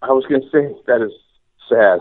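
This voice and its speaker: A man's voice: mid-range voice, fairly quick. A man chatting casually as a podcast guest, hesitant and wry, with some swearing, over a phone line. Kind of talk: casual profane chat. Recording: thin narrow-band phone line.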